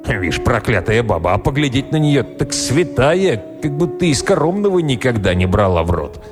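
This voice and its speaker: A boisterous middle-aged Cossack villager, played by a man, swinging his voice up and down as he exclaims and grumbles. The phrases drag out, slow and heavy. It is an audiobook recording with roomy reverb and soft music behind. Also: medium pitch, very animated, lightly acted. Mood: indignant.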